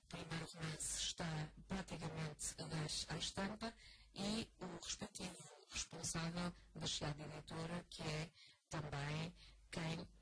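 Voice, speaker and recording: Low-voiced Portuguese woman radio host. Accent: European Portuguese. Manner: announcing, formal. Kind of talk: radio interview. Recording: noisy radio broadcast.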